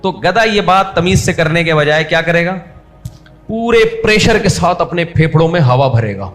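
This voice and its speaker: A man's voice: fairly high pitch, animated, a bit bright. A man preaching in a conversational, humorous style, acting out scolding voices to make his points. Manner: humorous, mixes in everyday English words. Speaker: Islamic preacher. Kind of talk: conversational sermon.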